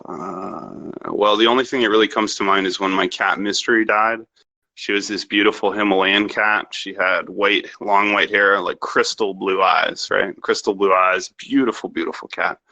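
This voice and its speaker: A young man from Canada talks on a podcast in a slightly low voice with a bright, tense edge. He rambles through his answers, swearing freely and sounding sure of himself. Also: steady tone, moderate pace, vocal fry, rough recording. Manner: rambling, profane and self-assured. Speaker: interview guest. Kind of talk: casual podcast interview.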